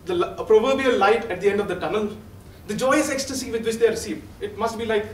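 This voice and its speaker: A young Indian-accented man gives a prepared humorous speech in a notably high voice. His delivery is formal, rehearsed and theatrical, with deliberate pauses. He is heard from a distance in a roomy, echoing space with faint noise. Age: young adult.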